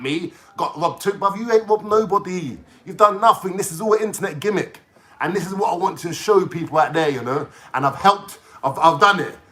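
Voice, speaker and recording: A man's voice: sits high, pushed and bright. A young man, ranting to camera in a mocking, slangy way, swearing a lot. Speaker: vlogger.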